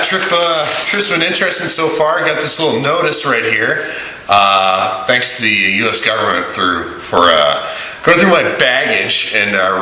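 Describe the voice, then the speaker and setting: Deep-voiced man rambling in an echoey room. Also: pushed and bright. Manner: rambling, halting, informal. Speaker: vlogger and volunteer preacher on a mission trip. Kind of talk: casual rambling video diary. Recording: echoey room, big echo, audible hiss.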